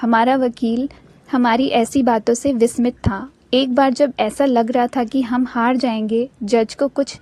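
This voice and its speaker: Soft-toned woman reading devotional testimony. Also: a little high. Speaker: devotional channel narrator.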